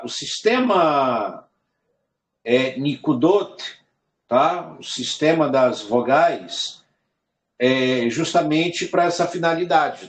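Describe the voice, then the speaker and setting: A man teaching a Hebrew lesson, slow and repetitive. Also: fairly high pitch. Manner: slow, repeats words while explaining. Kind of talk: recorded online lesson.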